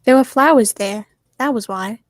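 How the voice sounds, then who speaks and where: A woman narrating a fan script aloud on stream in a steady, plain way. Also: fairly high pitch, normal speed, dry recording. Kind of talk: casual read-aloud narration.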